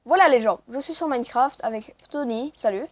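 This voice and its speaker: A woman with a high-pitched voice narrates her game as she plays. She talks casually, mocks herself and fills pauses with quick asides. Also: no echo. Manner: chatty, self-mocking, lots of "voilà" fillers. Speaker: let's play host. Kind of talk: casual gaming commentary.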